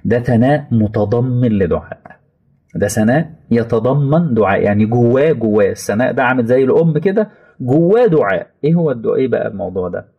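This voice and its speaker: A man with an Egyptian accent preaching a colloquial sermon, moving between slow, quiet reflection and high, pleading acted quotes. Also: animated, gravelly, breathy edge, narrow, tinny audio. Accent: Egyptian Arabic. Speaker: Islamic preacher.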